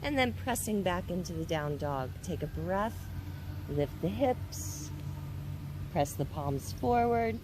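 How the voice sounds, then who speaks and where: A woman giving guided yoga instruction in a careful, unhurried way. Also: fairly low pitch, lively intonation, background noise.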